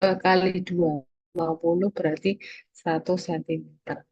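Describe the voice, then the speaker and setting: A woman's voice: fairly low pitch, flat delivery, moderate pace, a little mellow, no room sound, muffled recording. A woman giving a recorded lecture, explaining step by step and checking in with her listeners.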